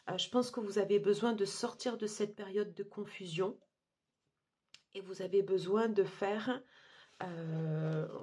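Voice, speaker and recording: A woman giving a monthly tarot card reading, talking haltingly with many fillers and restarts. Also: mid-range voice, darkish tone, breathy edge. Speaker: tarot reader.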